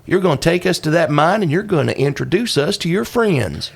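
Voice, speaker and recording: A man's voice: a little high, animated, brisk, creaky, slightly rough, full character voice. A man playing an eccentric, menacing Old West lawman with a folksy swagger in a tabletop game. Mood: scheming.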